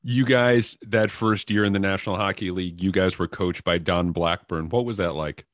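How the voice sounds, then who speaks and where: A man's voice: sits low, fairly even intonation, normal speed, no room sound, studio quality. A male podcast host asks thoughtful questions of a guest. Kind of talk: interview questions.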